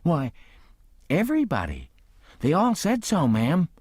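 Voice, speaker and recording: A man's voice: a little high, huge pitch swings, unhurried, darkish tone, no room sound, clean studio sound, pitched above the performer's own voice, heavily acted. A man doing a cheeky young trickster. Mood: mock-innocent. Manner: earnest, mock-innocent pleading.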